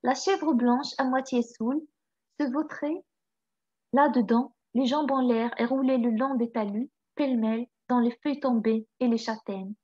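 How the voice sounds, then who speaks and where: A woman narrating a classic storybook tale in an expressive, lively reading. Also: on the high side, normal speed, husky, no room sound. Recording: slightly dull, dry recording.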